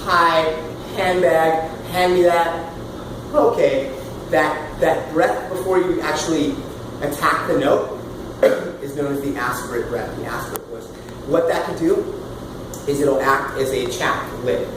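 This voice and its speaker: A man in his thirties leading a casual singing workshop, loud and animated, swearing now and then and demonstrating sounds as he explains. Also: fairly high pitch, measured pace. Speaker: vocal coach. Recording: roomy, far from the mic, with room noise.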